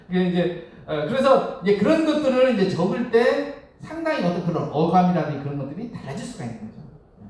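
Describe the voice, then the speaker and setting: A man giving a Sunday sermon as a Won Buddhist minister, speaking conversationally, asking the congregation questions and chuckling often. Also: sits high. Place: temple hall. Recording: very echoey hall, distant mic.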